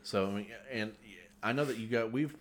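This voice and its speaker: A man's voice: fairly low pitch, fairly quick. A man co-hosting a casual board game chat who halts and repeats words as he finds his point.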